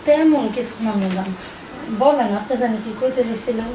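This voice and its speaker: A woman's voice: fairly high pitch, a little fast, far from the mic, natural voice. A woman playing a timid young housemaid who answers meekly and deferentially. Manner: meek, deferential. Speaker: maid. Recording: echoey room, off-mic, faint noise.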